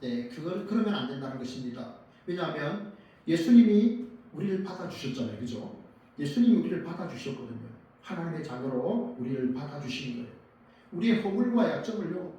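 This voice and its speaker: Man preaching in an echoey church. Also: high voice. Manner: asks the congregation questions and answers them; dramatic rises and drops in loudness. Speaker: pastor. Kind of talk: sermon. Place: church sanctuary. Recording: very echoey church hall, mic at a distance.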